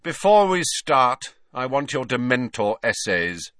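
A man's voice: medium pitch, sing-song, a little slow, a bit bright, dry recording, studio quality, pitched above the performer's own voice. A man voicing a cold, sneering male teacher with a bored, mocking drawl.

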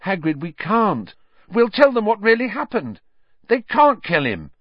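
A man's voice: sits high, huge pitch swings, unhurried, no echo, voice pushed up, full character voice. A man putting on an anxious teenage girl. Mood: pleading. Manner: anxious, pleading. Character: anxious clever teenage schoolgirl. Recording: slightly muffled dry studio audio.

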